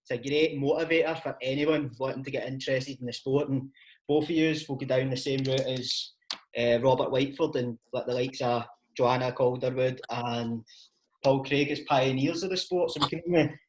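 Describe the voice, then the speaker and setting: A man's voice: medium pitch, steady tone, normal speed. A Scottish man interviewing in a casual, chummy and informal way, swearing now and then. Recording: clearly noisy background.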